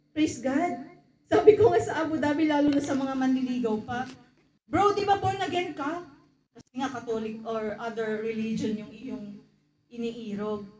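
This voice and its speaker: A woman's voice: high voice, warm tone, reverberant, poor audio. A woman preaching a sermon in mixed Tagalog and English, calling out "Amen?" and "Glory to God" to the congregation. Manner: calls out "Amen?" and "Glory to God" to the congregation, acts out quoted voices. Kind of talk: Taglish sermon.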